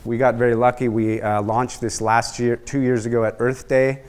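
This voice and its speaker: A man's voice: medium pitch, flat delivery, normal speed, darkish tone, smooth. Middle-aged man giving a lecture. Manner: explanatory, uses analogies, some fillers. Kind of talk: university lecture. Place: large lecture hall.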